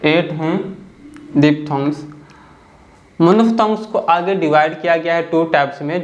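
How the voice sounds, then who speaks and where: Patient man teaching with a raised voice. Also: a little high. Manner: patient, repeats points and checks in with the listener. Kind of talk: step-by-step classroom explanation.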